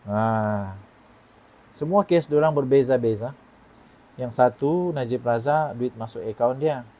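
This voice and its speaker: A Malaysian Malay-accented man in his forties delivers online political commentary, emphatically throwing rhetorical questions at his viewers. His voice sits in the mid-range, mellow and measured in pace.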